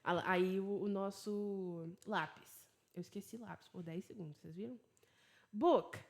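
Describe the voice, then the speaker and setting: A Brazilian woman teaching English online from her laptop, with American-leaning English and Portuguese as her first language. She drills words slowly, then explains in quick, chatty Portuguese and laughs at her own slips. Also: mid-range voice, fairly even intonation, vocal fry.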